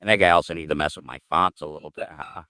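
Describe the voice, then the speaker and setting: A man's voice: a bass voice, steady tone, fast talker, pushed and bright, no room sound, clean studio sound. A man thinking aloud as he works through code, muttering, humming and trailing off as he goes. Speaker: programmer streaming his coding work. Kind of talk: casual think-aloud coding session.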